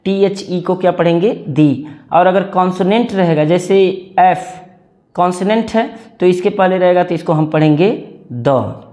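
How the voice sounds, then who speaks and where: A man's voice: high-pitched, darkish tone. A man with an Indian accent teaching English reading word by word and having students repeat after him. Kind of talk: slow read-along English lesson in Hindi.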